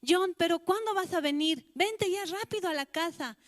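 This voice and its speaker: A woman's voice: very high voice, moderate pace, voice pushed up. A woman with a Bolivian Spanish accent voicing an anxious, doting mother who sighs "ay" and frets aloud. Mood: fretful pleading. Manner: fretful, sighing "ay".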